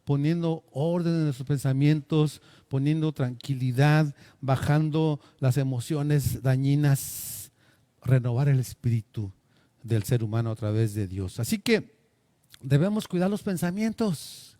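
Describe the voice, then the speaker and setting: A man's voice: on the high side, moderate pace, mellow, no room sound. Earnest preacher man giving a sermon. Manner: earnest, asks the congregation questions.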